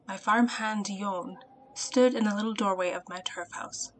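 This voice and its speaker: A woman hosting a podcast and reading her own folktale retelling in a clear, measured way. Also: medium pitch, fairly even intonation, a little hiss or hum, poor audio. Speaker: podcast host and storyteller.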